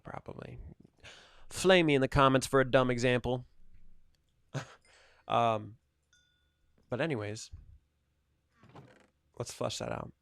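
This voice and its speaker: A man's voice: medium pitch, gravelly, fairly bright tone, dry recording. A man in his twenties rambling casually while playing a video game, thinking aloud with lots of fillers. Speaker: gaming channel host.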